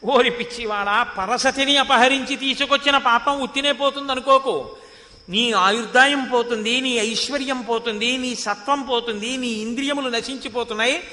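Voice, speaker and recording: A man's voice: extremely high pitch, normal speed, pushed and bright, exaggerated voice. A male preacher voicing a defiant captive queen who sternly rebukes her captor, in a long-reverb hall. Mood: scornful. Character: defiant captive queen Sita, woman, scolding.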